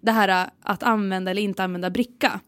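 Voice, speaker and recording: A woman chatting casually on a podcast, telling stories in an animated way and mimicking other people's voices. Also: smooth, no echo. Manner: animated storyteller, mimics her mother in a high voice. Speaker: podcast host. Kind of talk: casual chat.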